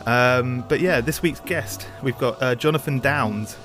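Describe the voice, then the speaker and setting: A man's voice: medium pitch, a little slow. A man hosting a podcast, rambling casually with many ums and uhs. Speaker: podcast host. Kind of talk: casual show intro and interview. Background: music.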